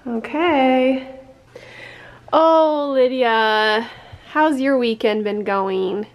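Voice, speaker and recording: A woman's voice: fairly high pitch, extremely slow. A middle-aged woman, a mother and vlogger, chatting casually and playfully while filming around her farm home. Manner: chatty, playful, laughs often. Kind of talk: casual family vlog chat.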